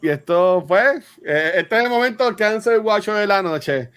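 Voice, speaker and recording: A man co-hosts a relaxed podcast chat, his voice on the high side for a man. He speaks his mind freely and cracks jokes along the way. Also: unhurried, smooth. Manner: joking, opinionated. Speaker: podcast co-host.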